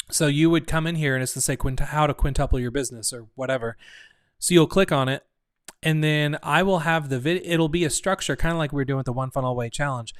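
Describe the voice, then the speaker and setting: A man's voice: medium pitch, no room sound, clean studio sound. A man hosting a casual live stream for his online community, rambling and thinking aloud, often restarting his sentences. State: hiccuping. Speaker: community host.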